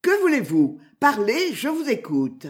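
A woman's voice: high-pitched, sing-song, normal speed, pitched above the performer's own voice. A woman reading aloud voices a proud, frightened young woman who speaks imperiously and then pleads.

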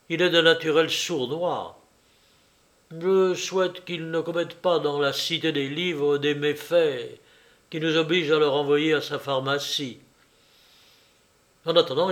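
A man reading a literary novel aloud in a measured, wry and reflective storytelling manner. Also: fairly high pitch. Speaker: audiobook reader. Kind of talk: literary audiobook narration.

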